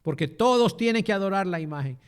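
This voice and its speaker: A man voicing a proud, angry ancient king who demands worship, speaking in loud, commanding decrees. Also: sits high, expressive, quick pace, smooth.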